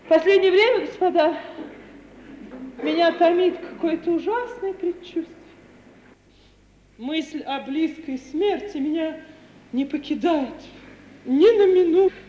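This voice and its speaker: In a 1950 Russian stage comedy on the radio, an actress plays a sanctimonious, self-pitying middle-aged widowed landowner, delivering drawn-out self-justifying speeches in an affected, theatrical, melodramatic manner. Her female voice is very high and mellow, and the noisy 1950 radio recording sounds dull and echoes as if in a hall.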